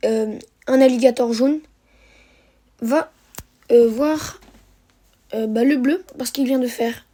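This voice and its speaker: A woman's voice: high-pitched, warm tone. A woman narrating a strategy game replay for viewers, hesitant, with many fillers and self-corrections. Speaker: gameplay commentator.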